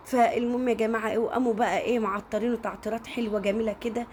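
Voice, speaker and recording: A woman's voice: fairly high pitch, a little mellow, slight background noise. A woman with an Egyptian accent telling a story in a casual, chatty way, often turning to speak directly to her listeners. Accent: Egyptian Arabic.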